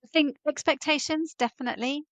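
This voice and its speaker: A woman's voice: sits high, a little fast, dry recording. Woman parenting expert, dry close mic. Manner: calm, fluent and explanatory. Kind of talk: explanatory interview answers.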